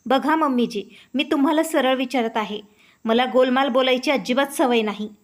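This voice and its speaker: A woman voicing a harsh, sharp-tongued young wife who accuses loudly. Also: sits high, moderate pace, lightly acted. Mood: taunting. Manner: loud, accusing.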